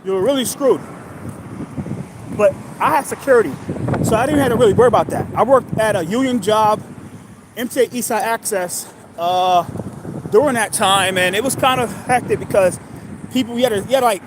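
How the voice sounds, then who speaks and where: Rambling man in his thirties, high voice. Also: background noise. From New York. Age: 30s. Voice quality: repetitive, halting with restarts. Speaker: livestream host. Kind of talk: rambling casual monologue.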